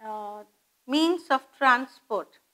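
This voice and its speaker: Casting note: woman, patient exam-prep grammar teacher, very unhurried delivery. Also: high-pitched, lively intonation, sharp tone, poor audio. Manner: slow and deliberate, spelling words out and asking rhetorical questions. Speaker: English teacher. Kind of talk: grammar lesson for exam students.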